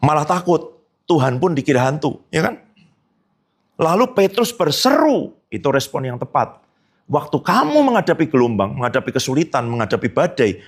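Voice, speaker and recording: Male pastor, high lively voice, sermon with playful asides. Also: slightly rough. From Indonesia. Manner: animated preaching with sudden high emphatic jumps and rhetorical questions; casual joking asides.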